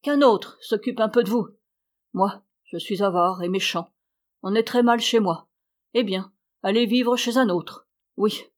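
A woman voicing a grumpy, miserly old man who shouts scornfully at his animals in an audiobook. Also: mid-range voice, a little slow, lightly acted. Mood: grumbling. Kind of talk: audiobook character voice.

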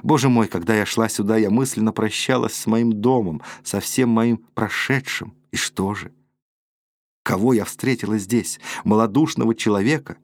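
A man's voice: lowish voice, moderate pace, dry recording. A man voicing a passionate, proud eighteen-year-old woman who speaks with emotional reproach. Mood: heartbroken.

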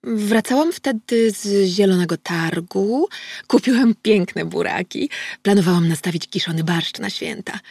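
A woman voicing a chatty, nosy middle-aged neighbour who talks in a raised, excitable way for an audiobook. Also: mid-range voice, unhurried, gravelly, breathy edge, no room sound, clean studio sound. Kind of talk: audiobook character voice.

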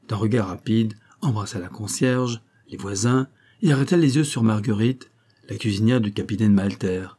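A man narrating a novel as an audiobook in a steady, deliberate reading style. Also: lowish voice, slightly rough.

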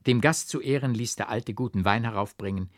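A man narrating a classic novel as an audiobook, with measured rhythm and careful stress. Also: mid-range voice, no room sound, studio quality. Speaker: audiobook reader.

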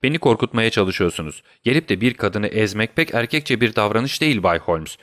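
A man's voice: on the low side, expressive, fairly quick, a bit bright, no echo, clean studio sound. A man voicing a proud, emotional noblewoman in an audiobook reading, raising his voice to play her. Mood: indignant. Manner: indignant, emotional. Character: proud noblewoman, defiant then pleading.

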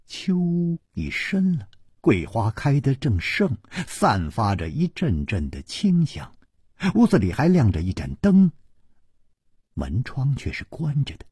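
A man's voice: fairly low pitch, mellow, slightly rough, dry recording, studio quality. Man telling a story with big swoops. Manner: theatrical, swooping delivery. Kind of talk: Chinese broadcast storytelling.

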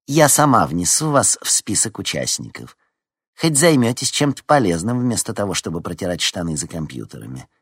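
A man's voice: deep voice, big pitch swings, normal speed, husky, no room sound, studio quality, full character voice. A man voicing a stern, imperious woman deputy head teacher who speaks with menacing sarcasm, in a storybook reading. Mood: menacing sarcastic.

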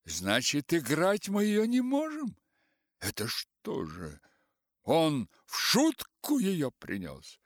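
A man's voice: on the high side, huge pitch swings, slow pace, dry recording, studio quality, pitched above the performer's own voice, exaggerated voice. A man voicing a sly, mocking male theater actor who talks sarcastically and mimics others.

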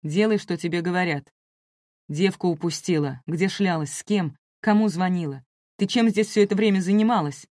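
A woman's voice: fairly low pitch, steady tone, normal speed, no echo, clean studio sound, natural voice. A woman voicing a frightened, furious middle-aged father who barks harsh orders at his family. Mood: angry barking. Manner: barking, harsh shouting.

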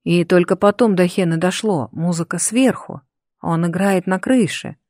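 An audiobook narrator reading a fantasy novel in a lively, expressive storytelling manner. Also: medium pitch, normal speed, no room sound. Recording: dry close recording.

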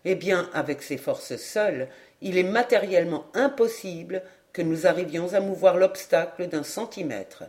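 A young man from a storybook, steady and earnest, speaking a little lower than the narration, as a woman narrator puts him on. He reasons and encourages with calm resolve. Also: normal speed, lightly acted.

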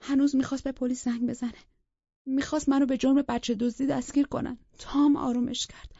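A woman's voice: high-pitched, level tone, creaky, warm tone, no room sound, dull audio. A woman reading a psychological thriller aloud as a first-person audiobook narrator, in a tense, intimate way that sometimes drops to a whisper.

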